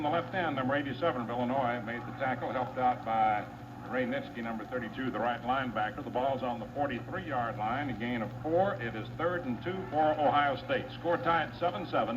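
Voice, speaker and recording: Announcer, man, fast-listing names and yardage, muffled old wire recording, steady hiss. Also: medium pitch. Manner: brisk, reels off names, yard lines and down-and-distance. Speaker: play-by-play announcer. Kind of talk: live radio football play-by-play.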